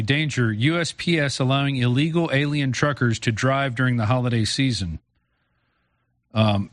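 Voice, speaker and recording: An American man hosts a call-in radio show in an informal, conversational style. His pitch is average for a man, and he talks reflectively. The sound is dry, with no room echo. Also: fairly bright tone. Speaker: talk show host.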